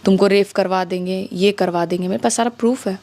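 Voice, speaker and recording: Her mid-range voice steady and mellow, a Bihari-accented woman speaks a little fast as she gives testimony in a conversational interview. She comes across as indignant and challenging, frequently using rhetorical questions.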